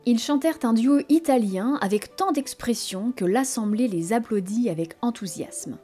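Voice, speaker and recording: A woman narrating a classic French novel in a measured, expressive literary reading. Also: fairly high pitch, faint music behind. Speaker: audiobook narrator.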